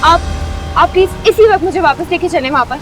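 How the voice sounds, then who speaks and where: A spoiled, dramatic young wife. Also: female voice, very high-pitched, fast talker, over music. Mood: demanding. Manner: demanding, dramatic, mixes in English words. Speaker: newlywed wife. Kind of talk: TV drama acting.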